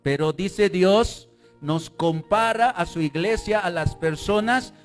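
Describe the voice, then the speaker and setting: A male pastor preaching a fervent sermon, breaking into shouts and calling on the congregation to repeat words after him. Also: sits high, slow pace, faint music behind.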